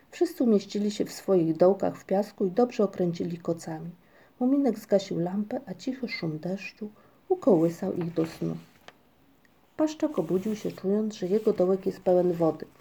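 Mellow woman reading a storybook. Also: mid-range voice, expressive, normal speed, husky. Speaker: audiobook narrator. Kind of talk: scripted storybook narration.

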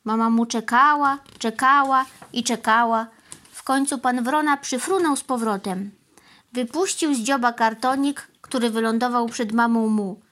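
Woman, children's storybook narrator, gentle, even, high voice. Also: normal speed.

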